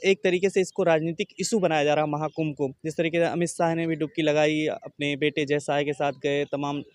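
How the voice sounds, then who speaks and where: Man, reporter, interviewer, brisk, hesitant fillers, slightly high pitch. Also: little pitch movement, no echo, studio quality. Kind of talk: news interview questions. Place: outdoors near a courthouse.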